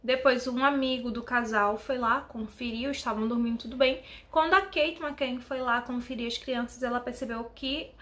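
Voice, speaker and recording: Woman vlogging a true crime case, kinda high voice, super chatty, keeps going "tá?" "né?" at the camera. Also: fairly even intonation, normal speed, few pauses, bright, forceful tone. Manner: chatty, addresses viewers directly with frequent "tá?" and "né?". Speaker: YouTube channel host. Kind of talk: casual true-crime vlog narration.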